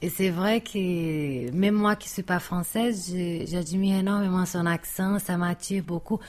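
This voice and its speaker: A woman's voice: on the low side, unhurried, darkish tone. A woman from Brazil, a native Portuguese speaker with a Brazilian accent, chatting in French and stretching her vowels expressively. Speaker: guest. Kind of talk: casual conversation.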